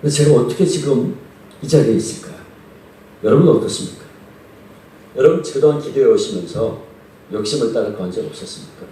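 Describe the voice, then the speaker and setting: Male pastor chatting through a sermon, keeps asking the crowd stuff, mellow voice, really echoey church, mic far off. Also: mid-range voice, expressive, fairly quick, long pauses, a little hiss or hum. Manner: conversational, questions the congregation. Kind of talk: revival sermon with storytelling. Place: church sanctuary.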